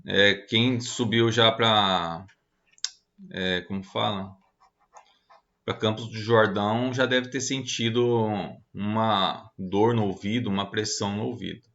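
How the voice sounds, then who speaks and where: A man's voice: lowish voice, steady tone, slow pace, creaky, a bit bright, highs cut off. A man teaching an online lecture, talking casually with many fillers and checking questions as he walks through slides.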